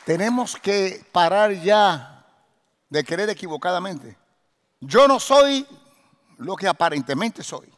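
A man preaching a sermon, asking the congregation rhetorical questions and swinging from quiet teaching to loud, shouted exhortation. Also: high-pitched, lively intonation, slow, long pauses, a faint crowd. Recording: long hall reverb.

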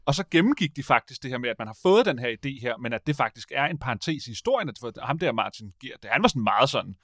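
A man in casual conversation as a podcast host, rambling and animated, often stopping to correct himself. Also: mid-range voice, no echo, clean studio sound. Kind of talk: casual chat.

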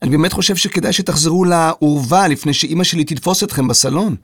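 Guy putting on a polite little boy mozart, high and kinda prim, husky edge, storybook podcast. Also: a bit bright, no echo. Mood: earnest. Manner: polite, earnest, slightly prim.

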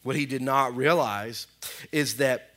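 A man, a pastor preaching a sermon in a church in a lively, conversational way with frequent asides to the congregation. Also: mid-range voice, measured pace. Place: church sanctuary.

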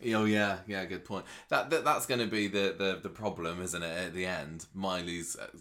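A woman co-hosting a podcast, chatting in a relaxed way, agreeing and laughing along. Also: very deep voice, moderate pace. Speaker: podcast co-host. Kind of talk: casual chat.

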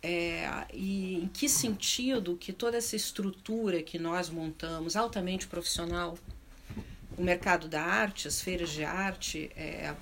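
A middle-aged woman with a southern Brazilian accent speaks off the cuff on an arts and culture panel, her voice low-ish, unhurried, and fairly bright, with some vocal fry. She sounds reflective, often hunting for words and rephrasing. There's slight background noise.

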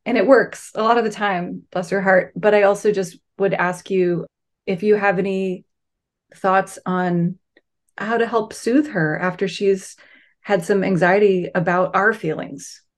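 A woman's voice: medium pitch, fairly even intonation, unhurried. A woman chatting in an enthusiastic, affectionate way and asking for advice. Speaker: guest asking questions. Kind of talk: casual chat.

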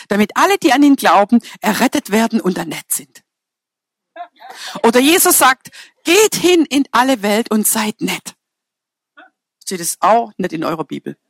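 Lively, joking German woman preacher. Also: on the high side, no echo, studio quality. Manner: humorous, chatty, teasing the congregation; fillers and self-corrections. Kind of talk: sermon.

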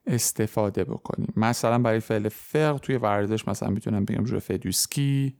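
A man teaches a podcast language lesson in a mellow, relaxed voice. He explains grammar step by step with patience. He slows down to say each example sentence carefully. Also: lowish voice, creaky. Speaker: French teacher.

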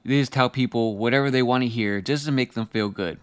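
A man's voice: medium pitch, fairly quick, clear, resonant tone, dry recording. Blunt, emphatic man giving a motivational speech. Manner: blunt, forceful, emphatic delivery with hammered short phrases. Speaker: motivational speaker.

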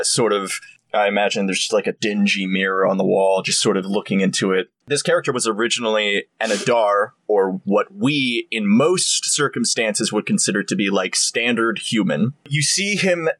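A man's voice: fairly low pitch, a bit bright, no room sound. A man describing his character in a tabletop game, rambling with lots of fillers. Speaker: player.

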